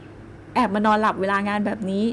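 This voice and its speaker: A woman voicing a smug, playful foreign-born young man who teases in a slow, soft way, in an audiobook. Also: slight background noise, lightly acted. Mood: teasing. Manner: soft, teasing, drawn out.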